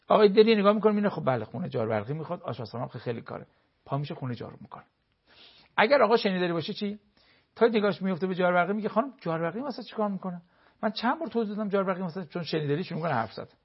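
Husky man counseling with lively examples. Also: sits high, highs cut off. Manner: lively, acts out spouses' remarks in quotes. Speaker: family counselor. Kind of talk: explanatory talk with everyday examples.

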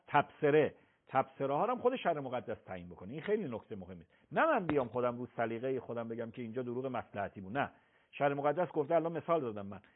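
A man acting as a religious scholar on a live call-in show, explaining rulings methodically with emphatic examples. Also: mid-range voice. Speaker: religious scholar answering questions. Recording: tinny phone-like broadcast sound.

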